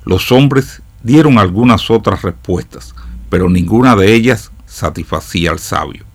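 A man with a fairly low voice delivers a reflective commentary for radio listeners. He tells his story at an unhurried, measured pace, like a parable read aloud. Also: animated, husky.

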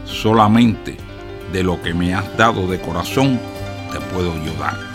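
A man voicing a wise, calm older king who speaks softly and measuredly. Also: deep voice, measured pace, over music, pitched below the performer's own voice.

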